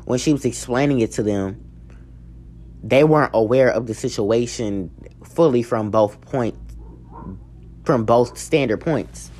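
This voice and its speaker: A man at a middle pitch talks through a book in a loose, informal way. He rambles and often stops to correct himself. He sounds like a student giving a relaxed spoken review. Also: measured pace, long pauses, a little hiss or hum.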